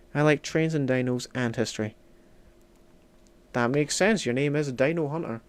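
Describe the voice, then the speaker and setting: Streaming a strategy game, this man from Scotland rambles in casual chat, leaning heavily on "like" as a filler. He has a smooth, mid-range voice.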